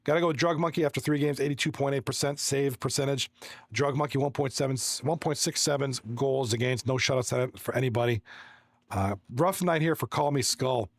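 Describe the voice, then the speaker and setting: A Toronto man with a mid-range voice talks briskly on a dry recording. He's an esports hockey commentator chatting casually on a livestream, friendly and rambling. He reads the chat aloud and runs through stats, restarting often.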